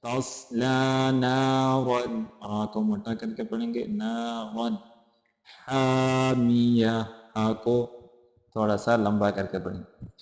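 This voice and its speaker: A male Quran teacher giving a tajweed lesson, chanting each verse slowly and then briskly explaining how to pronounce it. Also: fairly low pitch, level tone, darkish tone. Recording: roomy echo with long reverb.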